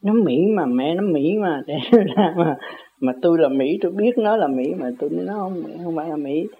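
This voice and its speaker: A man's voice: on the high side, expressive, moderate pace, a little hiss or hum. An older man in a casual, rambling monologue, chuckling often as he argues about where words come from. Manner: chuckling, argumentative, folksy word-play. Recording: tinny phone-like audio.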